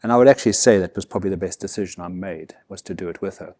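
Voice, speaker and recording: Deep-voiced South African man telling stories. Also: very fast, a little mellow, dry recording. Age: middle-aged. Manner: reflective, repeats words when starting sentences. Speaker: guest, vehicle consultant and expedition leader. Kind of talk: relaxed storytelling in an interview. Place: indoor workshop with a vehicle behind.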